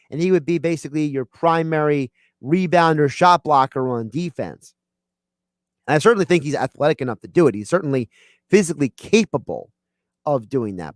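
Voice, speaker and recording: A man's voice: a little high, no room sound, studio quality. A man hosting a sports talk radio show, thinking aloud in a conversational way. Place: radio studio.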